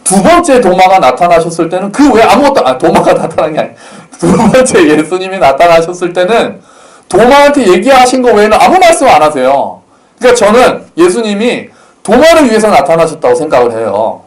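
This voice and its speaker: A man preaching in a relaxed storytelling style, his somewhat high voice rising and falling in a very animated way. He talks to the congregation like a friend, slipping into the voices of the people in the story and adding touches of gentle humor. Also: brisk. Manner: storytelling, acts out quotes, lightly humorous. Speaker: pastor. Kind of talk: conversational sermon.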